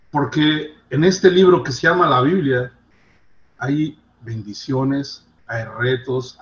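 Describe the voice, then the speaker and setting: A man delivers a devotional sermon with earnest conviction. His voice sits a little high and swells and falls in loudness to stress his points. The recording sounds somewhat muffled, like a lo-fi online video. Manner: earnest, rises and drops in loudness for emphasis. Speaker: preacher.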